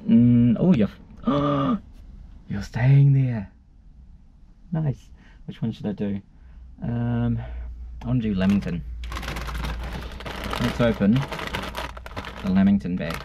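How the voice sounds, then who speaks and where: A man's voice: fairly low pitch, unhurried, pauses often. A man, chatting casually and rambling to camera inside a car. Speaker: vlogger. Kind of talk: casual chat to camera, food taste test. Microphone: camera at arm's length. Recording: dull, noisy in-car camera audio.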